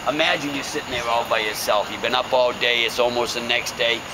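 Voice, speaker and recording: A man's voice: mid-range voice, steady tone, a little fast, noisy background. A man working as a ghost tour guide, telling a story casually and dramatically with wry, folksy humour and suspenseful phrasing. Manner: folksy, wry, joking delivery.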